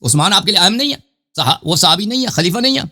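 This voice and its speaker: A man's voice: high-pitched, expressive, pushed and bright. A man hosting a heated live debate, pressing his opponent with insistent questions and cutting in. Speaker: show host in a debate.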